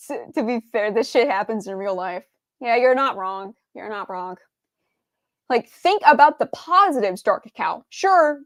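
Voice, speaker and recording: A woman's voice: a little high, dry recording. A young adult woman streamer doing game reaction commentary, ranting in an exasperated tone and swearing freely.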